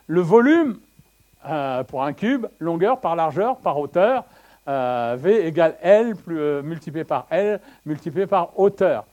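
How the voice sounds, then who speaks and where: A middle-aged Frenchman from Le Havre, whose voice sits high, preaches a sermon accompanied by slides. He keeps it lively and conversational, trading jokes with the congregation and moving between quiet and loud passages.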